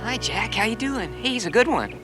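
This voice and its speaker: A man's voice: high-pitched, sing-song, brisk, over music. A teenage male actor playing a friendly, shy farm boy in a period television drama.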